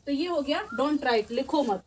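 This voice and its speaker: A woman teacher, explaining short sentences step by step and repeating each phrase slowly. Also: high-pitched, expressive, a little hiss or hum. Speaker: English teacher. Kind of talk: spoken English lesson.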